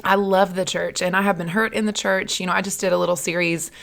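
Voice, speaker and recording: A tired-sounding woman hosting a podcast in a hoarse, raspy voice like a smoker's, speaking conversationally and earnestly. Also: fairly low pitch, level tone, fast, a bit bright. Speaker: podcast host.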